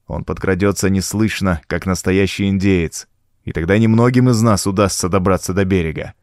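A man's voice: sits low, fairly even intonation, moderate pace, a little mellow, dry recording, studio quality, close to an everyday voice. A man voicing a frightened, scheming male pirate leader in an audiobook, with an anxious, muttering manner. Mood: uneasy.

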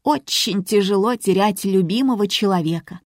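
A woman narrating an audiobook in an even, measured voice. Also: mid-range voice, no echo, clean studio sound.

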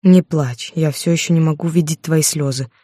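A woman reading the lines of a remorseful adult man, a quiet and blunt lover, in a curt, low voice. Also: fairly even intonation, moderate pace, no echo, studio quality. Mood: tender.

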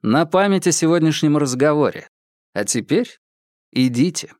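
A man voicing a calm young man with a dry, mocking manner in an audiobook. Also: a little high, moderate pace, dry recording, close to an everyday voice. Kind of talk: audiobook character voice.

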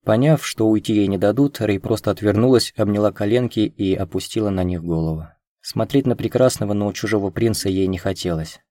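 A man narrating a romance audiobook in a calm, even reading voice. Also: fairly low pitch, fairly quick, no echo, studio quality.

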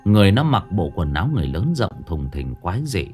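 A man's voice: low-pitched, very animated, a little fast, darkish tone, slightly rough, faint music behind. A man narrating a ghost story in a folksy storytelling manner.

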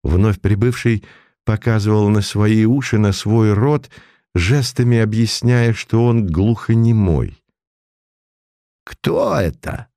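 A man narrating a dramatic audiobook in a slow, grave manner. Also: lowish voice, mellow, no echo, studio quality.

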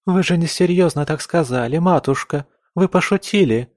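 A spoiled younger sister from a noble house, teary and quick to flare up, as a male narrator puts her on. The voice is raised high and whining, with a sob always close behind the words. It is recorded close and dry, with no room sound. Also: darkish tone, dry recording, natural voice. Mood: tearful. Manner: whiny and sobbing, quick to anger.

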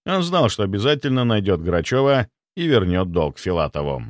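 Expressive male audiobook narrator. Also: fairly low pitch, normal speed, dry recording, clean studio sound.

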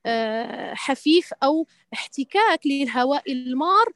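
Lady tajweed teacher, high voice, lots of restarts and pauses, dry close sound. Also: expressive, a bit bright, no room sound. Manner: hesitant, many restarts and drawn-out fillers, pious interjections. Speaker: Quran recitation teacher. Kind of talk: online tajweed lesson answering questions.

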